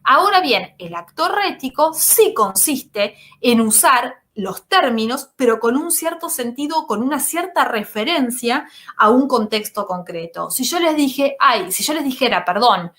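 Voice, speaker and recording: A woman's voice: sits high, expressive, measured pace, fairly bright tone. A woman teacher giving a recorded lecture, explaining step by step and often checking in with "¿sí?".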